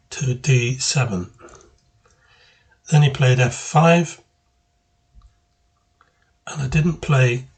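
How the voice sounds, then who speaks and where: A man giving casual move-by-move commentary on his own chess game, thinking aloud and pausing mid-phrase. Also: medium pitch.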